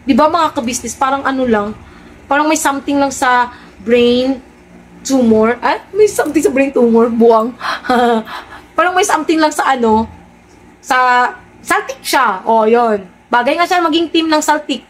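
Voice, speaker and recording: A woman's voice: high-pitched, measured pace, a little hiss or hum. A woman vlogger in casual live-stream commentary, talking to her viewers in a sarcastic way and firing off rhetorical questions.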